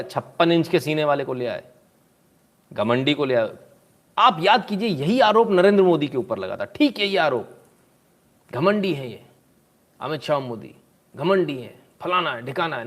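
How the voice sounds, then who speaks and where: A man giving casual, sarcastic live commentary, with mocking asides and frequent throat clearing. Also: fairly high pitch. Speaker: political commentator.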